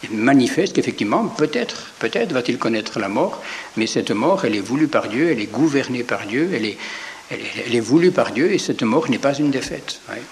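A man gives an informal sermon at a mid pitch, drifting into chatty asides and rhetorical questions, often repeating words as he goes. A faint noise hangs behind his voice. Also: animated, a little fast. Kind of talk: informal sermon retelling the Gospel.

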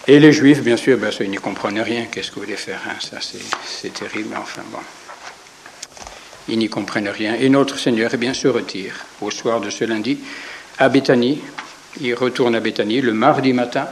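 A man gives an informal sermon at a mid pitch, drifting into chatty asides and rhetorical questions, often repeating words as he goes. A faint noise hangs behind his voice. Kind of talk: informal sermon retelling the Gospel.

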